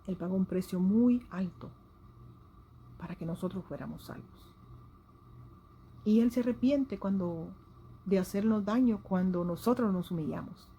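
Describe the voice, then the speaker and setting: Woman preaching in a mellow voice. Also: medium pitch, a little hiss or hum. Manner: earnest preaching, with rising and falling intensity. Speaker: lay preacher. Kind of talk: sermon. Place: home.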